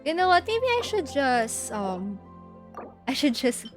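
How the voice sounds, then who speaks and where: Very animated yet unhurried, this woman speaks in a high voice as she streams a game. Her casual chat is hesitant and giggly, thinking aloud over the game's music.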